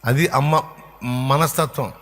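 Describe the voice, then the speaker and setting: A man's voice: mid-range voice, takes it slowly, a bit bright. A male pastor preaching a sermon, emphatic and repetitive as he drives each point home. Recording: long hall reverb.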